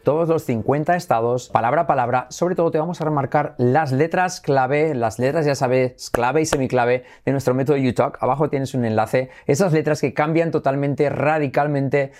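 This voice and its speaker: A man's voice: mid-range voice, normal speed, hardly any pauses, darkish tone. A man with a Spain Spanish accent, teaching English pronunciation in an upbeat online lesson. He repeats words for drilling and drops in English phrases.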